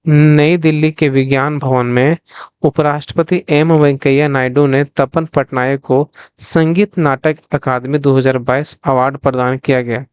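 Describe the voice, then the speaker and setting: A man's voice: medium pitch, fairly even intonation, unhurried, smooth, dry recording, highs cut off. Man running a quiz-style revision lesson. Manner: repeats each question, then answers it; asks the viewers directly, then answers himself. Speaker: exam coaching teacher.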